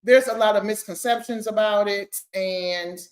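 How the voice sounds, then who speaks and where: A woman's voice: mid-range voice, fairly even intonation. Playful woman hosting a podcast. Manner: playful, loose, slows to introduce topics. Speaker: podcast host. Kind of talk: casual chat.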